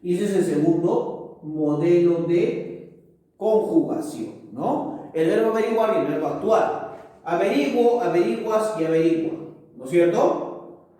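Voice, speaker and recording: A male teacher giving a grammar lesson, slowly reciting verb forms and checking understanding after almost every phrase. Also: high-pitched, dark tone. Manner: tags nearly every phrase with "¿no es cierto?" and "¿correcto?". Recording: echoey hall, mic far off.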